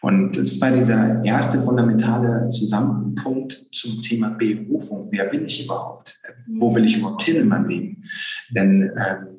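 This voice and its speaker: A man's voice: lowish voice, normal speed, darkish tone. A young man telling his personal story in an interview, earnest and reflective, with many fillers. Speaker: guest. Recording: roomy echo.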